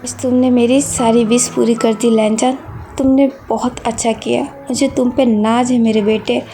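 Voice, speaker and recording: A woman's voice: on the high side, steady tone, normal speed, warm tone, a little hiss or hum, lightly acted. Woman reading as a doting, affectionate mother. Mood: pleased.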